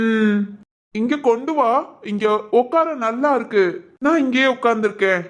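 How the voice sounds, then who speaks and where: A man's voice: very high voice, moderate pace, pitched above the performer's own voice. A man voicing an adult man with a ten-year-old's mind, pleading in a whiny, childlike way. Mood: whiny, demanding.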